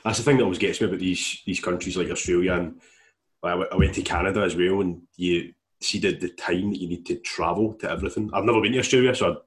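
A man's voice: deep voice, fairly even intonation, fast. A man with a Scottish accent in a casual chat as a co-host.

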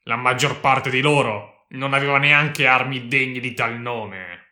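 A man voicing a fierce, battle-hardened male warrior commander who speaks gruffly and curtly. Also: mid-range voice, fairly even intonation, a little slow, bright, forceful tone. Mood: scornful. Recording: echoey room.

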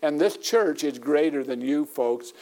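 A middle-aged man preaches to his congregation, pressing his points by saying them again and again. His voice sits a little higher than most men's. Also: expressive, a little slow, a little mellow. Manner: emphatic preaching with repetition. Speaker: pastor. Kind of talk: sermon.

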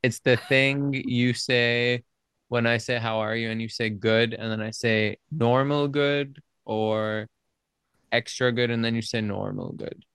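A man's voice: mid-range voice, flat delivery, unhurried, fairly bright tone, clean tone, dry recording. A man hosting a podcast in casual chat, playful and rambling, often restarting his sentences. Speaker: podcast host.

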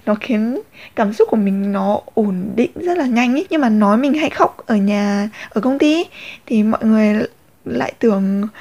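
A woman's voice: a little high, darkish tone. A young woman, rambling candidly in a casual confessional vlog. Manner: rambling, many fillers and restarts, candid. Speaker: vlogger.

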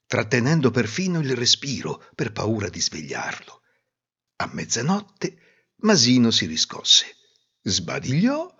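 A man narrating a folk tale in an expressive storytelling manner. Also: fairly low pitch, husky. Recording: roomy reverb, dull lo-fi sound.

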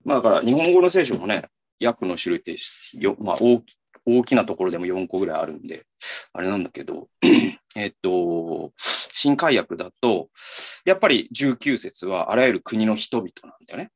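A man's voice: deep voice, expressive, moderate pace, dull audio. A man hosting a talk, explaining at length in a casual, rambling way with many fillers and restarts. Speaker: talk show co-host.

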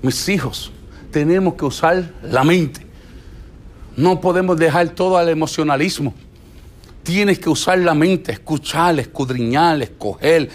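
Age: middle-aged. Sex: man. Pitch: high. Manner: animated, exhorting preacher. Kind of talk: church teaching talk.

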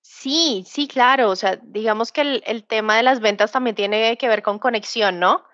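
A woman in her thirties with a Bogotá Colombian accent, a podcast guest who talks with frequent pauses and restarts. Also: on the high side, fairly bright tone, dry recording. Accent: Bogotá Colombian Spanish. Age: 30s. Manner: hesitant, many fillers and restarts. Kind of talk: conversational interview. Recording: dull lo-fi remote audio.

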